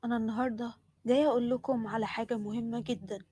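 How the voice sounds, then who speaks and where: A woman's voice: a little high, steady tone, racing, husky. A woman playing a kindly Egyptian father. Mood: tender. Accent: Egyptian Arabic. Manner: soft, kindly, reassuring. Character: gentle middle-aged father, a lawyer.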